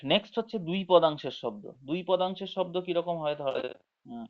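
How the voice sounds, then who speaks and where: A man's voice: on the high side, expressive. Patient man teaching an online class. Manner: explains slowly, checks understanding with frequent tag questions; drawls words out syllable by syllable when demonstrating. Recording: dull lo-fi audio.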